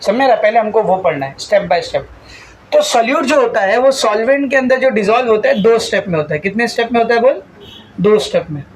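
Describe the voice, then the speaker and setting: A man's voice: very high voice, expressive, brisk, poor audio. A male chemistry teacher lectures a class and drills them in call-and-response fashion. He throws out a question and supplies the answer himself, again and again, and speaks to his students fondly as "beta". A faint noise sits behind his voice. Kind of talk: classroom lecture mixing Hindi and English terms.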